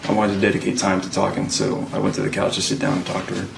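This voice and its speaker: A man gives witness testimony in a courtroom, halting and pausing as he recalls events. His voice is low and gravelly, with a monotone delivery. The audio is picked up from a distance in an echoey room with steady background noise. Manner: hesitant, halting recollection with many pauses. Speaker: trial witness.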